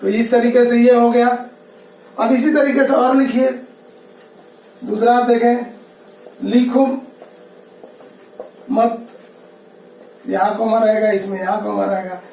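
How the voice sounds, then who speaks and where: High-voiced man teaching in echoey room. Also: fairly even intonation, normal speed, creaky, long pauses, darkish tone, far from the mic, slight background noise. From India. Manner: patient, explanatory, repeats phrases. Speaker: school teacher. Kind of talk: classroom lesson.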